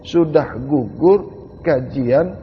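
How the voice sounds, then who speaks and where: A man delivers a mystical religious lecture in a high, gravelly voice. He speaks slowly, pressing each rhetorical question. The recording is dull and lo-fi, with a long hall reverb. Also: a little hiss or hum. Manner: slow, emphatic rhetorical questioning. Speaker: religious teacher.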